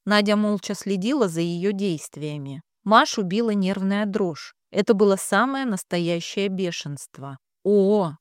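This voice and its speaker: A woman narrating an audiobook in an even, measured reading. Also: medium pitch, clean tone, no echo, studio quality. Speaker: audiobook reader. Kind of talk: scripted narration.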